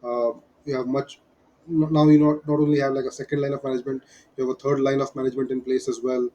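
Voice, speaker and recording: Male business explainer, Indian accent, slightly high pitch, soft-edged tone, emphatic advisor who drives points home by repetition. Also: flat delivery, fast, highs cut off. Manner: emphatic, repeats key points. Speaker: business advisor teaching startup fundraising. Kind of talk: explanatory lesson.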